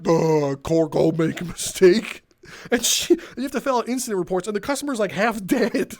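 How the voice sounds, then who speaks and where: Sardonic young man rambling retail stories. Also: high-pitched. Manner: rambling, sardonic, swears, laughs between stories. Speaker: gaming video creator. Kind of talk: casual storytelling while playing a game.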